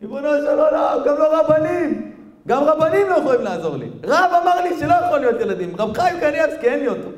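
Brief: a man playing a desperate childless man, shouting anguished pleas to God, strained and high, echo from the room. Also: big pitch swings. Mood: anguished pleading. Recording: echoey room.

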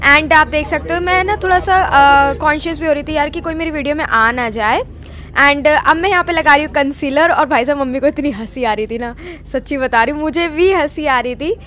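Bright high-voiced young woman vlogger. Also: moderate pace. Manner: chatty, mixes Hindi with English words, many fillers. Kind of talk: casual voice-over narration.

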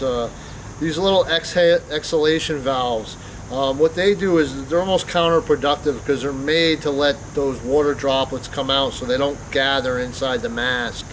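A man's voice: mid-range voice, poor audio. Plain-spoken man with outdoor noise behind. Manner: plain-spoken, lots of ums and restarts. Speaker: company safety presenter. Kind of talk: unscripted safety talk. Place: outdoor parking lot by a construction yard. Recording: clear outdoor background noise.

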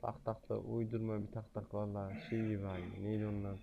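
A man giving let's-play gaming commentary, excitable, joking and swearing freely. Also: lowish voice, brisk, gravelly, lo-fi sound, noisy background. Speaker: gamer.

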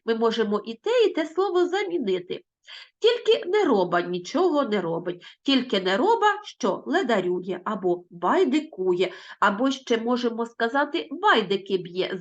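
A Ukrainian woman teacher giving an online lesson to children, explaining patiently and asking them questions. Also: on the high side. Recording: dull lo-fi audio.

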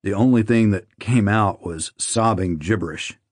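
Guy narrating an audiobook, somber steady read, deepish voice. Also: moderate pace, no echo, clean studio sound. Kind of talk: scripted narration.

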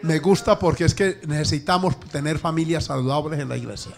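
A male pastor preaching a sermon in a lively way, acting out family dialogues for his congregation. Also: fairly high pitch, a little fast, vocal fry.

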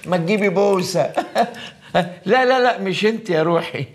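Give me a teasing Egyptian father with a gravelly voice. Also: sits high, normal speed. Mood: reassuring. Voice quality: playful, teasing. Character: flirtatious middle-aged father.

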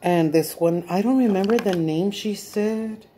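This middle-aged woman vlogs casually from home with a Mexican accent, combining English and Spanish with crude slang and a lot of laughter. She takes her time, speaking in a warm, medium-pitched voice over slight background noise.

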